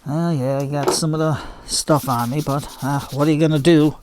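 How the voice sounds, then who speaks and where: A man's voice: fairly high pitch, fairly even intonation, moderate pace, background noise. An older man hosting a hobby gardening video, chatting casually in a homespun, rambling way as he demonstrates by hand. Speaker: bonsai hobby video host.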